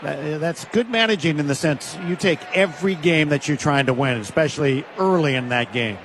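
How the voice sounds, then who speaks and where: A man giving radio baseball color commentary, talking through the game in relaxed, conversational analysis. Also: a little high, moderate pace, slight background noise.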